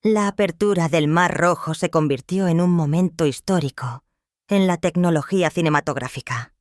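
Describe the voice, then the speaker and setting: A documentary narrator reads a scripted narration at a measured, even pace. The pitch sits in a middle register and the voice is recorded close and dry, with no room sound. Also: no room sound.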